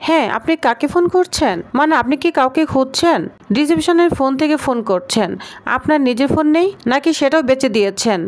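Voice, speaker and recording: A bossy young executive woman barks orders and scolds, her voice high and pointed, as a woman narrator voices her. She speaks in a read-aloud story recap. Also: fairly quick, natural voice. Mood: commanding. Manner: scolding, commanding.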